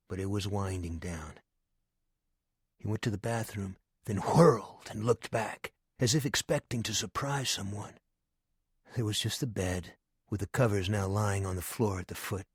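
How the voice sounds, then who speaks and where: A man narrates an audiobook in a measured, often hushed delivery. His voice sits on the low side. The close studio recording is dry with no room sound. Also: husky, dry recording.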